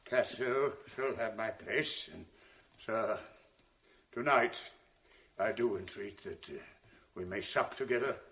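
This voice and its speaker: A gravelly, tormented Othello. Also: male voice, lowish voice, slow pace, pauses often, exaggerated voice. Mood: raging, bitter. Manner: shifts between hushed brooding and raging outbursts. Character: jealous, tormented male general, middle-aged. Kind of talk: 1980s radio drama acting.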